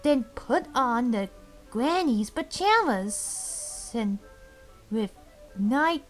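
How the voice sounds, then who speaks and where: A woman retelling a fairy tale in a halting, meandering way, often restarting her sentences. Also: a little high, animated, soft background music. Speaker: storyteller.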